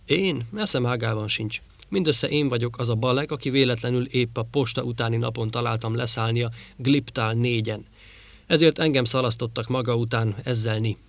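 A man's voice: medium pitch, gravelly, no room sound, lightly acted. A man voicing an easygoing, curious young male trader in an audiobook reading. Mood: breezy. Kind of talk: audiobook character voice.

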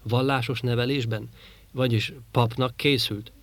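A man's voice: medium pitch, fairly even intonation, no echo, close to an everyday voice. A man voicing an easygoing, curious young male trader in an audiobook reading. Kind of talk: audiobook character voice.

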